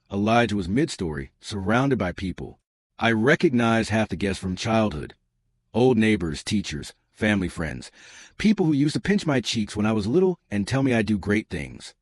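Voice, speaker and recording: A man narrating a first-person family drama story in a measured, bitter tone. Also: on the low side, dry recording, clean studio sound.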